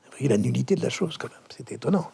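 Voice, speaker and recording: A man's voice: medium pitch, lively intonation, fast talker, creaky, mellow, slightly rough. A man giving a wry, hesitant account in an interview.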